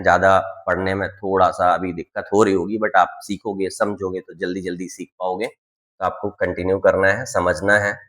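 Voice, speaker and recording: A man's voice: medium pitch, fairly bright tone, rough recording. A man teaching maths at a board. He asks the class questions and answers them himself, keeps checking whether the students follow, and mixes Hindi with English terms. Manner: repeats checks like "clear students?". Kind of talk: classroom-style board lesson.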